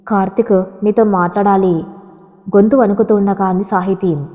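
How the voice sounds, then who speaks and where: A woman storyteller giving a steady, scripted narration of a story. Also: medium pitch. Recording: long hall reverb.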